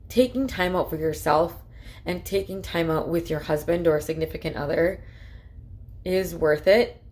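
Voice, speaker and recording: A woman's voice: lowish voice, darkish tone. Earnest rambling woman vlogger. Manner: rambling, earnest, lots of filler words. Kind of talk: casual heartfelt talk to camera.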